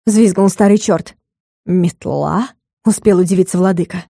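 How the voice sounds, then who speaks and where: A woman narrating a comic fantasy audiobook in a measured, expressive way. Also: mid-range voice, no room sound, studio quality.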